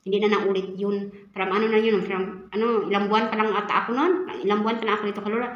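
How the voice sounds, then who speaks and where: A young woman from the Philippines who works as a caretaker talks in a relaxed vlog. She is chatty, stops for fillers and keeps speaking to her viewers. Her voice sits at an average pitch and rings in an echoey room. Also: fast talker, muffled recording. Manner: chatty, many fillers, often addresses viewers. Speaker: caretaker for an elderly woman in Taiwan. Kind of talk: casual storytelling vlog.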